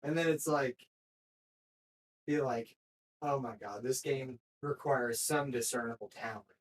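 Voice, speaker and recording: A man's voice: medium pitch, measured pace. A man chatting casually about gaming, crude and profane, playing at mock anger in banter. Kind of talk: casual chat.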